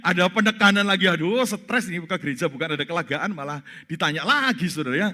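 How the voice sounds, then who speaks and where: Animated Indonesian pastor with a bright voice. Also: male voice, sits high, fast. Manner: lively storytelling with acted-out voices and laughter. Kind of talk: sermon. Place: church sanctuary.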